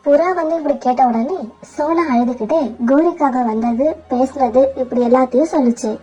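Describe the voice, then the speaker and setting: High mellow woman narrating a cartoon. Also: moderate pace, soft background music. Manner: plain, storytelling. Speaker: storyteller.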